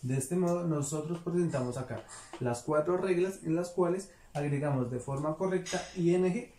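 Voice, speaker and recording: A man's voice: fairly high pitch, normal speed, mellow. A man teaching an English grammar lesson, explaining patiently and often checking that his students are following. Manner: patient, repeats "¿listo?" to check understanding. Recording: echoey room with faint noise.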